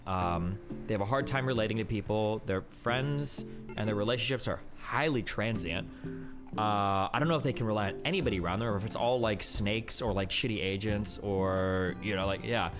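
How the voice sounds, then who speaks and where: Guy streamer rambling casually, slangy, keeps backtracking, bit of music in the back. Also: lowish voice. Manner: hesitant, self-correcting, slangy. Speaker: streamer reacting to a video. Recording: music faintly behind. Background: faint music.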